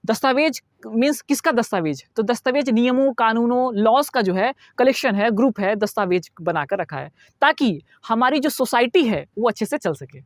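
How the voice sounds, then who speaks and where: A man's voice: extremely high pitch, no room sound, studio quality. A man teaching a lecture, explaining step by step, repeating key words and asking his students questions. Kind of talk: classroom lecture.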